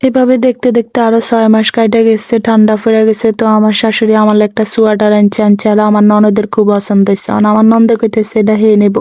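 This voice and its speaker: A woman's voice: mid-range voice, flat delivery, quick pace, few pauses, warm tone, dry recording, studio quality. Plaintive young woman with Noakhali accent. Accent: Noakhali Bengali. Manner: plaintive, tearful-sounding retelling. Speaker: storyteller. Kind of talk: first-person dramatic story narration.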